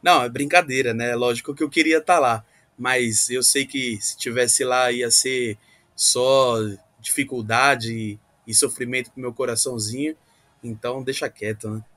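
A man's voice: mid-range voice, steady tone, moderate pace, a bit bright. A Brazilian man on a football podcast panel, talking in a casual, joking, slangy way.

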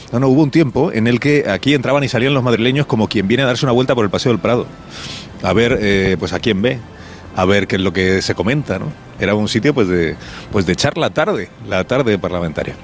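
A man's voice: fairly low pitch, a little hiss or hum. A male radio host gives a reflective, ironic opinion monologue, with fillers and restarts, on location at a parliament building.

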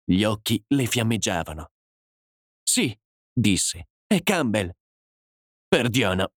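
A man narrating a dramatic story as an audiobook, in a measured, dramatic way. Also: medium pitch, darkish tone, dry recording, clean studio sound.

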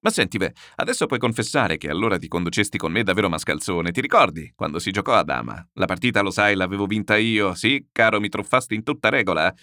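A man playing a loud boastful landowner. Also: lowish voice, expressive, fast talker, hardly any pauses, no echo, studio quality. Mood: boisterous. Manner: rowdy, shouting, rambling boasts.

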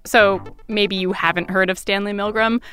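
A woman who co-hosts a podcast, talking in a relaxed, conversational way that moves between casual chat and narration, with filler words like 'like'. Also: mid-range voice, normal speed, faint music behind. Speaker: podcast co-host and producer.

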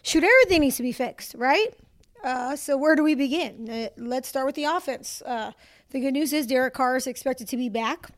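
A woman's voice: high-pitched, normal speed, no echo. A woman co-hosting a sports podcast with the hiccups, chatty and laughing, saying y'all. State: has the hiccups. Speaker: podcast co-host, sports reporter. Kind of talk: casual sports podcast chat.

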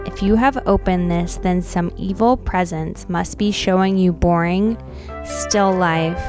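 Faint music sits behind a woman whose fairly low, slightly mellow voice moves at a measured pace as she co-hosts a podcast. Chatty and fond of "like" and "you know," she alternates easygoing talk with dramatic readings of old notes.

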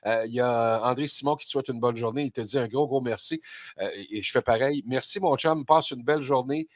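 A man's voice: mid-range voice, fairly quick, no echo, studio quality. A man with a Quebec French accent hosting a morning radio show, jovial and chatty, laughing easily. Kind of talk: casual radio chat.

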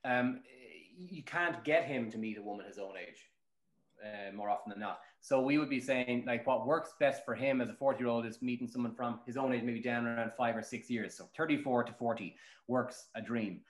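An Irish man appears as a matchmaker guest, answering interview questions in a mid-range voice at normal speed. He tells anecdotes in an animated, colloquial, emphatic way, and the recording sounds roomy and echoing.

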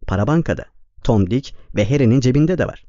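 Male narrator as a cold, impatient young man, quick and dark-toned, dry recording. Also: medium pitch, expressive, no echo, highs cut off, natural voice. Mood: brooding.

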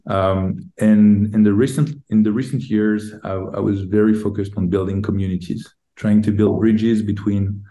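A middle-aged man from France with a French accent, answering interview questions with many pauses and restarts. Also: on the low side, steady tone, warm tone. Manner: hesitant, many ums and restarts. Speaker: guest, tech executive. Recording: roomy echo.

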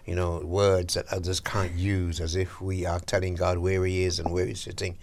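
Deep gravelly man hosting breakfast radio. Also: little pitch movement, normal speed, a little mellow, slight background noise. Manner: chatty, preacherly, lots of agreeing yeahs. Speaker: radio show host. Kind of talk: casual on-air chat about faith.

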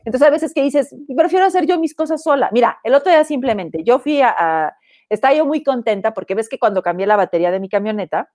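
Mexican woman co-host, lively storyteller who acts out dialogue, dry close sound. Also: a little high, quick pace, dry recording. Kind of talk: casual gossip chat.

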